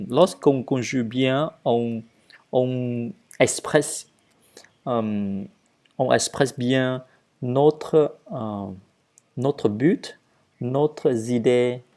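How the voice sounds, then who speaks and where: Male language teacher, very slow, halting delivery with frequent fillers, mellow tone, drills verb forms one by one. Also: mid-range voice. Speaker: French teacher. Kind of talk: online language lesson.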